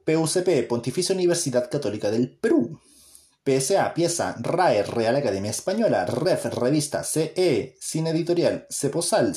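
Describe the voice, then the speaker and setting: A man reads an academic book aloud, plain and unhurried, now and then stopping to correct himself. His voice is mellow and dark, at an ordinary middle pitch. The room around him sounds roomy and echoey. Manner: plain, unhurried reading, self-correcting mid-phrase. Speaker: reader. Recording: roomy echo.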